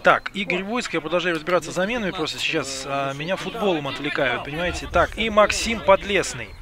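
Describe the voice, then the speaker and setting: A man's voice: on the high side, lively intonation, fast talker. A man giving live football commentary in a conversational, improvised, explanatory way. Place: outdoors at a football ground. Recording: outdoor crowd noise behind commentary.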